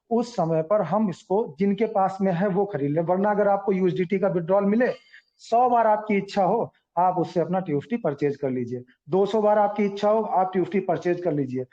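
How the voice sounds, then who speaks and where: A man with a high voice and a dark, mellow tone addresses a meeting, explaining points with earnest, repeated reassurance. The recording sounds dull and lo-fi. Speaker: speaker addressing a community meeting.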